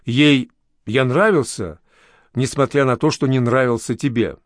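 A man's voice: mid-range voice, measured pace, dry recording, studio quality, close to an everyday voice. A man reading an audiobook, voicing an earnest young male coworker who insists on helping. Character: young red-haired male coworker, eager to help.

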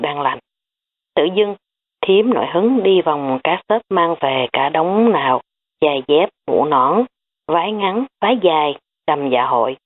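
A woman reading a novel aloud as an audiobook narrator with lively storytelling. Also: on the low side. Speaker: audiobook reader. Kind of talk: scripted narration. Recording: tinny phone-like audio.

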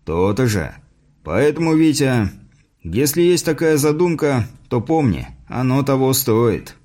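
A man voicing a patient male mentor in an audiobook, explaining things in a measured way. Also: mid-range voice, sing-song, dark tone. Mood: instructive.

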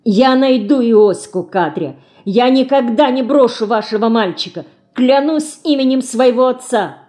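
A woman reads a young storybook girl, impulsive and stubborn, her vows tearful and pleading and climbing in pitch. The tone is mellow and dark, and the voice stays close and soft. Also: animated, measured pace, natural voice. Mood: fierce vow.

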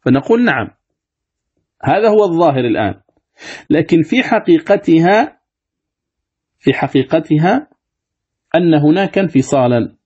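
A man teaching a recitation lesson, asking his students questions, answering them himself, and slowly repeating words so they can copy the pronunciation. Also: fairly high pitch, big pitch swings, a little mellow, husky. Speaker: sheikh teaching Quran recitation. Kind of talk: classroom lesson commentary on a text. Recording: dull lo-fi lecture recording.

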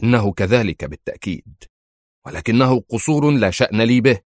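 A man's voice: medium pitch, animated, a little fast, no echo, studio quality, natural voice. A man reading an audiobook and voicing a male American intelligence chief who answers in a cold, firm and defiant way. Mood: stern. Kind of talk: audiobook character voice.

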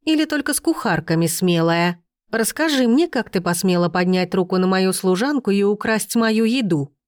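A woman voicing a cruel, haughty noble stepmother who speaks with venom and turns shrill. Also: animated, normal speed, no echo, clean studio sound, lightly acted. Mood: scornful.

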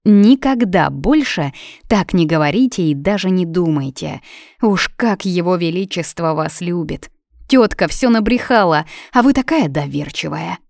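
A woman voicing a kindly, chatty maid who speaks in a gentle, reassuring way. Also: on the low side, expressive, a little slow, vocal fry, no room sound, clean studio sound. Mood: soothing.

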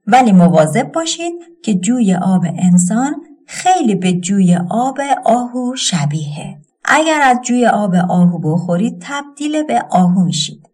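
A woman voicing a wise old man in a storybook tale, speaking in a calm, measured way. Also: mid-range voice, husky. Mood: cautioning. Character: old man advising lost children.

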